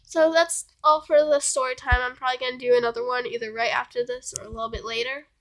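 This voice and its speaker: A woman's voice: sits high, little pitch movement, quick pace, fairly bright tone. A young woman vlogging while sick, telling a story in casual chat and rambling with constant fillers.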